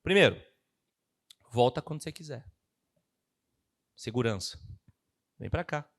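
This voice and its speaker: Um homem fazendo a voz da mãe, uma mentora calma, firme e carinhosa que o tranquiliza. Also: male voice, mid-range voice, a little slow. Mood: tender, firm. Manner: gentle but firm reassurance. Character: mother, calm, firm and caring mentor.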